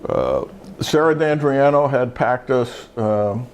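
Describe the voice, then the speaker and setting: A man's voice: mid-range voice, big pitch swings, takes it slowly, a little mellow. An older man, a retired judge and show host, telling a rambling story in casual chat with many fillers and restarts.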